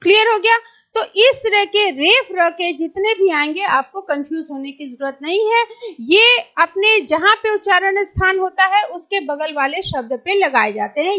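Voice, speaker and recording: A woman teaching an exam-prep grammar lesson, patiently repeating each word slowly and asking and answering her own questions. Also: very high-pitched, lively intonation, pushed and bright.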